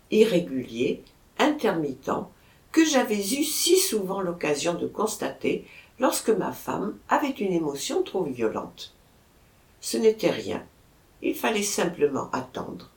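Slow, expressive woman narrator. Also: fairly low pitch, creaky. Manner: measured, expressive storytelling. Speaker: audiobook narrator. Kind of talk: scripted narration of a first-person story. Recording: roomy echo.

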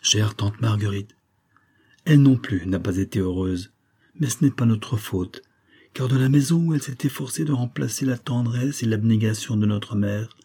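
Husky, low-voiced male audiobook narrator. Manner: measured, expressive reading. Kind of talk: scripted literary narration.

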